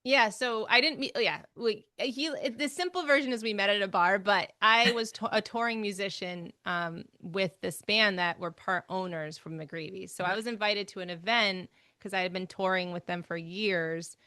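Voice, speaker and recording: A woman with a bright, forward voice tells a story in a relaxed interview and laughs along the way. She is recorded close up, with a dry sound. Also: mid-range voice, moderate pace, few pauses, dry recording. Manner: animated storytelling, laughs often. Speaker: guest. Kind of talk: casual interview chat.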